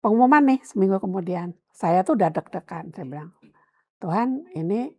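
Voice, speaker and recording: Husky, mellow-voiced older woman pastor. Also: lowish voice, brisk, lo-fi sound. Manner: animated storytelling, acts out her mother's and her own past words. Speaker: pastor, interview guest. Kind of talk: telling her life story in an interview.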